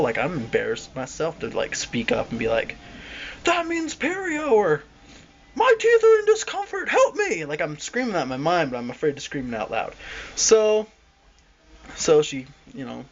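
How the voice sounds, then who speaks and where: A young man telling a rambling, exasperated story in casual vlog style and acting out the people he quotes. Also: mid-range voice. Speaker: vlogger. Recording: dull lo-fi home video with faint hiss.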